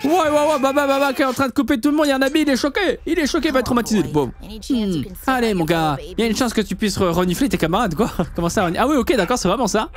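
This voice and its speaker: A man's voice: very high voice, lively intonation, very fast. A young man with a French accent reacting to animations in slangy, exclamatory casual commentary. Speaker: reaction video host.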